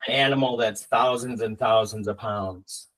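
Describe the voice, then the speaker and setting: A man's voice: lowish voice, steady tone, normal speed, a bit bright, rough recording. A man hosting a casual interview, chatty and exclamatory as he puts questions to his guest. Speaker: podcast host.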